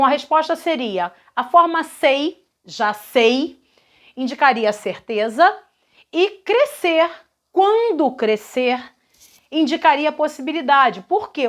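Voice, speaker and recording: A Brazilian woman teacher correcting grammar exercises in a recorded lesson, explaining patiently and checking in with her students. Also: sits high. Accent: Brazilian Portuguese. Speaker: Portuguese teacher.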